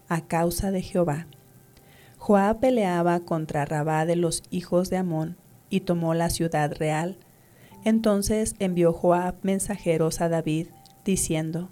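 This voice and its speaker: Mellow low-voiced woman reading scripture. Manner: measured, even reading. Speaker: scripture reader.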